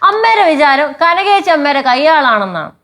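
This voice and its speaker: A blunt, theatrical young daughter tells tales on her mother to her father. Her voice is very high and bright, and it leaps about in pitch. A faint instrument plays behind her. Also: sing-song, normal speed. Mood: tattling. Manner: outspoken, tattling, theatrical. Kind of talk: sitcom acting.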